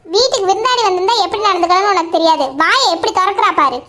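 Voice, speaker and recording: Here is a cartoon mother-in-law with a very high, piercing voice. She is sharp-tongued and accusing toward her daughter-in-law and fussy and doting toward her son. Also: racing. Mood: scolding. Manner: scolding, accusing. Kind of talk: cartoon voice acting.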